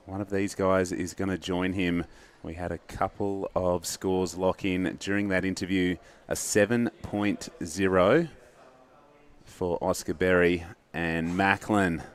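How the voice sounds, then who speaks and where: A man's voice: low-pitched, clean tone. A man anchoring live surfing commentary from the booth. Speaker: surf contest commentator and anchor.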